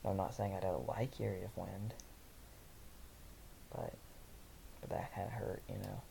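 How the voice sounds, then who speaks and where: A young man reading a story aloud in a monotone, breaking off into rambling, self-interrupting casual asides. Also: deep voice, a little slow, gravelly, background noise. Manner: monotone delivery. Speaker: host reading fan fiction aloud.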